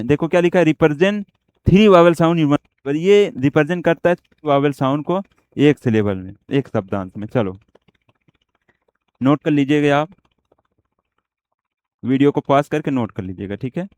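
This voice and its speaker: A man's voice: fairly high pitch, expressive, normal speed, long pauses, a little mellow. A man teaching shorthand in an online lesson, explaining step by step and asking and answering his own questions on words. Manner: explains step by step, often asks and answers himself.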